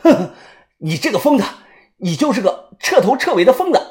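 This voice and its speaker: A defiant young man, as a woman narrator puts him on, hurls loud, scornful insults. His pitch climbs sharply as he jeers. It is an animated storybook reading. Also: normal speed.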